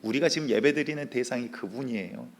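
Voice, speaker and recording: A man's voice: mid-range voice, quick pace, creaky. Male pastor, sermon, conversational storytelling, rhetorical questions. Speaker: senior pastor.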